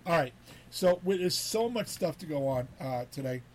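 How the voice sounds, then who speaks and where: A man's voice: fairly high pitch, lively intonation, moderate pace, a little hiss or hum. A man hosting a casual talk show, rambling and repeating words as he talks. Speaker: host.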